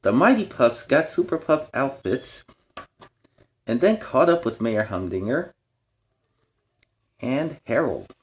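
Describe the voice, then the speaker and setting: A man's voice: medium pitch, sing-song, slow pace, pauses often. A man playing a friendly young superhero who hosts a children's storytime, reading animatedly and explaining things in kid-friendly asides. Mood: earnest, animated. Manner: kid-friendly, explains words and gives advice.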